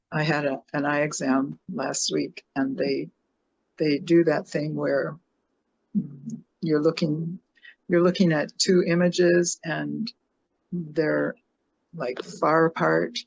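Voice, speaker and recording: A woman sharing personally and casually, hesitant and searching, with long pauses, on muffled call audio. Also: sits low, little pitch movement, vocal fry, a little hiss or hum.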